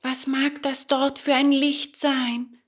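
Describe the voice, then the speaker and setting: A woman's voice: high voice, level tone, slow pace, pitched above the performer's own voice. A woman voicing a frightened, whiny young wooden puppet boy. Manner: wailing, anxious.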